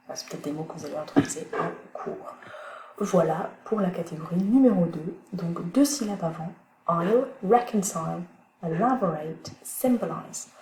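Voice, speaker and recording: A woman teaching English pronunciation in a recorded online lesson, thinking aloud with many pauses as she searches for words. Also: fairly low pitch, a little mellow. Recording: echoey room, faint background noise.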